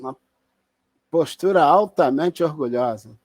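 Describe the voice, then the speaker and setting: A man's voice: on the high side, unhurried, a little mellow, no echo. A man with a Brazilian Portuguese accent giving an online spiritist lecture in a conversational, explanatory way, with restarts and tag questions.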